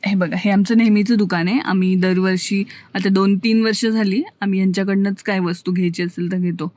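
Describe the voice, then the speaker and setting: A young woman with a Marathi accent, a vlogger, talks casually to the camera in a family vlog, explaining her plans as she goes and switching to high, sing-song baby talk for a toddler. Her voice is steady, a little fast and slightly mellow. Filmed outdoors and in a car on a rainy coastal day, the rough phone recording has clear background noise.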